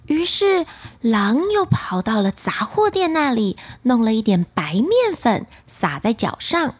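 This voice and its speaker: A woman with a Taiwanese Mandarin accent, narrating a bedtime story for children in a lively, expressive way. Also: fairly high pitch, unhurried, husky.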